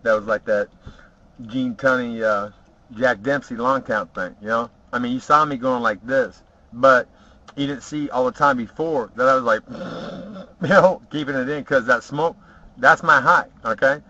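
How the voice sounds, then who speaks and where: Boasting and cursing, a man tells meandering stories from his own past as a vlogger, leaning on fillers like "uh" and "you know what?". The casual monologue comes in a mid-range voice that sounds pushed and bright, recorded as dull lo-fi home video audio.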